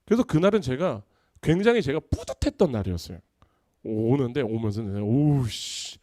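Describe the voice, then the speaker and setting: A man's voice: mid-range voice, big pitch swings, brisk, warm tone, dry recording, studio quality. A pastor preaching a Sunday sermon, telling stories and acting out his friends' voices.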